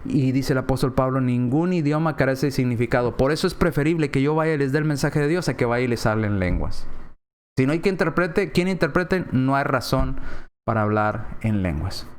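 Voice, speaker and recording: A man preaching a sermon in a church, animated, acting out quoted voices with sudden pitch jumps and often checking in with his listeners. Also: a little fast, clear, resonant tone. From Spanish-speaking, lives in Texas. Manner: often adds tag questions.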